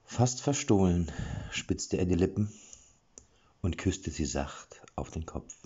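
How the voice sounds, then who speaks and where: A man reading a fantasy story aloud, expressive, with occasional slips and restarts. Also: sits low, slightly rough, muffled recording.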